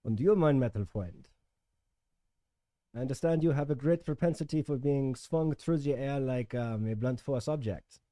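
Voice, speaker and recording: A man's voice: mid-range voice, normal speed, dark tone, no echo, close to an everyday voice. A man voicing a formal male team commander, speaking in a put-on German accent with stiff, courteous, old-fashioned phrasing during a tabletop role-play.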